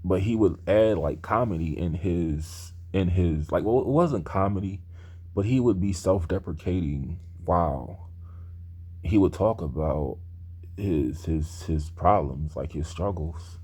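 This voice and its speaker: A man's voice: deep voice, animated, measured pace, warm tone, slightly rough. A man in his thirties talking in a rambling personal monologue, earnest and hesitant, with many restarts. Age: 30s. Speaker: aspiring screenwriter talking to camera.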